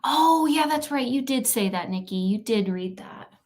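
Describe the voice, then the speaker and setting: Young woman chatting on a reading stream, bit higher voice, playful trash talk. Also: animated, normal speed, darkish tone. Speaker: streamer hosting a reading sprint. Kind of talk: casual livestream chat reading viewer comments.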